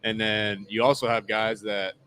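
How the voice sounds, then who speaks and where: A man in his twenties from Southern California, speaking with an American accent, answers interview questions as a football player at a live casino event. His voice is fairly low and level, pushed and bright, at a normal speed, with a little hiss or hum. He comes across casual, laid-back, and modest.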